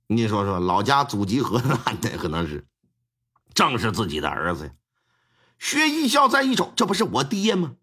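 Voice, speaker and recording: A man telling a historical crime tale in a colloquial, animated storytelling style with wry asides. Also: medium pitch, breathy edge.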